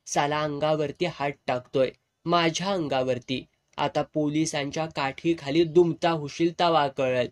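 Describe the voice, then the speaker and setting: A sneering young man, voiced by a male storyteller, gloating with a raised, mocking tone in a told story. His pitch lifts above the narrator's usual level. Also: steady tone, measured pace, lightly acted.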